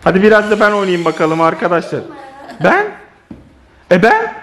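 A man narrating a family vlog at home, excitedly exclaiming and talking to his viewers as friends. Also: high voice, moderate pace. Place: home living room.

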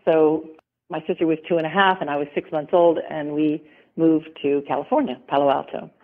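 A woman's voice: sits low, fairly even intonation, fairly quick. A middle-aged woman, a former model, chatting as an interview guest, rambling and laughing often. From American South. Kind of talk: casual interview talk. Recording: tinny phone-line sound.

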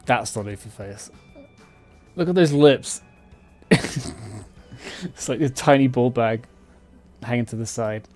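A man's voice: mid-range voice, takes it slowly, pauses often, a little mellow, faint music behind. A man doing profane, joking let's play commentary while reading game dialogue aloud. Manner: crude joking, profane asides. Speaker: gaming streamer.

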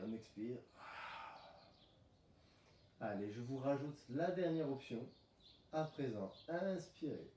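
Calm breathing cues and breath counts guide this home pilates workout, delivered by a male instructor with a mid-range voice. The roomy audio, captured on a distant camera mic, has a little hiss or hum.

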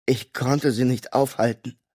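A man voicing a dying older father who speaks weakly and haltingly in an audiobook. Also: medium pitch, fairly even intonation, darkish tone, no room sound, clean studio sound. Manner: weak, halting, breathy.

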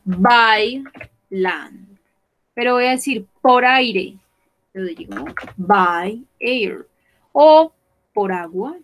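Woman teaching english slowly, careful steady voice, asks the class lots of questions. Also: medium pitch, low-quality recording. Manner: slow, careful, switching between English and Spanish. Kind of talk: online bilingual lesson.

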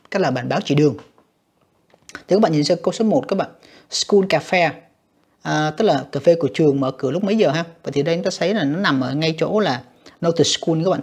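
A man walks students through an exam in a slightly husky voice, repeating himself and calling to the class often. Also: fairly high pitch. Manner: repetitive, addresses students directly with many fillers. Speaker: English teacher. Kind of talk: exam walkthrough lesson.

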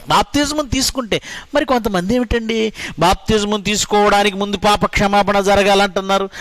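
A man with a Telugu accent delivers a sermon in a high-pitched voice. He keeps hammering phrases through repetition and asks the listeners rhetorical questions. The recording is close and dry. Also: fairly bright tone, no echo. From India. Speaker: preacher.

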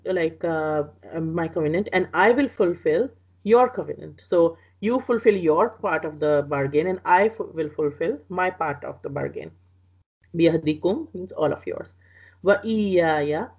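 Husky woman teaching, muffled recording. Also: lowish voice. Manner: explains patiently with many fillers and restarts. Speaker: Quranic Arabic teacher. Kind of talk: explaining a lesson.

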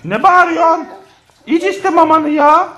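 In a noisy home video, a family vlogger talks to his kids and viewers in a lively, playful way, often laughing as he speaks. His voice is very high-pitched and unhurried.

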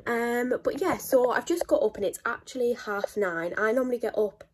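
Suffering from a cold, a beauty vlogger in her twenties chats casually into a close-up phone camera in a small home office, full of ums as she rambles. Her voice is on the high side at a moderate pace, with slight background noise.

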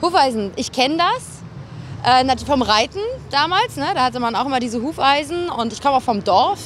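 A woman's voice: high-pitched, expressive, moderate pace, fairly bright tone. Woman in her 30s telling stories on the street, faint traffic behind. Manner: chatty storytelling. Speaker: passer-by. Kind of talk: street interview answer. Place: city street outdoors. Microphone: handheld mic.

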